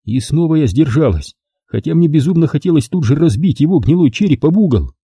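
A man reading a first-person story aloud, expressive and lively. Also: fairly high pitch, a little fast, breathy edge, dry recording, studio quality. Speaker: audiobook reader. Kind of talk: first-person audiobook narration.

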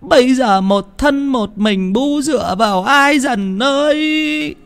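A man voicing an elderly peasant mother who cries out in grief with drawn-out, pleading wails. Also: high-pitched, sing-song, darkish tone, pitched above the performer's own voice, heavily acted. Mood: wailing.

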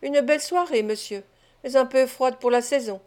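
A woman reader puts on a scheming old fence, sly and wheedling, his voice kept hushed and oily in a storybook reading. It sits a touch high, delivered as steady, clean narration. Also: moderate pace, natural voice.

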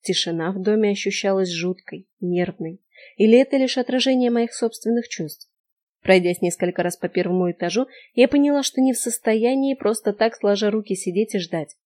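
A woman narrating a first-person audiobook, reading with lively expression at a mid pitch. Her delivery stays clear and engaged, shifting tone with the story. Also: brisk.

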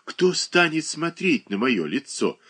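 A man voicing a capricious, childish young married woman who whines and pouts in a high, drawn-out voice. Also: big pitch swings, sharp tone, slightly rough, full character voice. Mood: whiny coquettish.

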